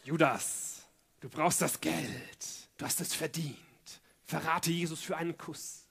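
A man's voice: fairly even intonation, gravelly, slightly rough, exaggerated voice. A man murmuring as a sly inner voice. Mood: hushed tempting. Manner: low, slow, hushed.

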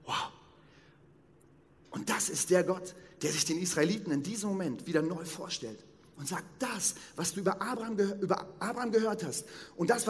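A man, a pastor, preaching a sermon with emphatic, slow stressed phrases, recorded in a church hall. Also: high voice. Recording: long reverb of a church hall.

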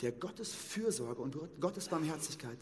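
A man, a pastor, preaching a sermon with emphatic, slow stressed phrases, recorded in a church hall. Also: fairly high pitch, animated, a little hiss or hum. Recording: long reverb of a church hall.

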